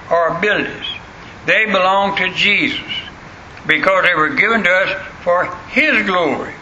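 In a high, pushed, bright voice, an older Southern man with an old country, rural accent preaches simply and folksily, repeating lines for emphasis. The recording has its highs cut off, plus an echoey room and faint background noise.

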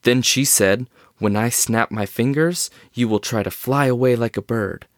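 A rattled male scientist played by an actor in an audio drama, wordy and emphatic. His mid-pitched voice is recorded dry, with theatrical, formal diction and a skeptical edge. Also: moderate pace, dry recording, lightly acted. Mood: grave, dramatic recounting.

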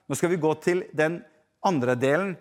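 Preaching to his congregation and speaking to them directly, this man alternates forceful emphasis with softer, murmured passages. His pitch is slightly high.

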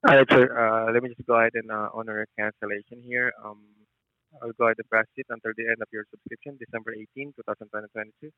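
A man's voice: lowish voice, little pitch movement, fast talker, dry recording. A man working as a customer service agent on a call, polite and deferential. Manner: polite, deferential, often says sir. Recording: thin narrow phone line.

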